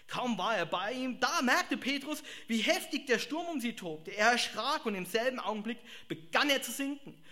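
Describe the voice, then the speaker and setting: A man preaches a sermon in a high, bright voice. He talks in an animated way, bursting into exclamations and acting out the people he quotes. His tone is sharp and forward. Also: normal speed, few pauses.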